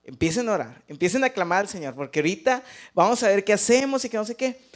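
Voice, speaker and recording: A man, preaching from the pulpit. He tells his story in a lively, conversational way and keeps coming back to rhetorical questions. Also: high voice, quick pace. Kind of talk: sermon with personal story.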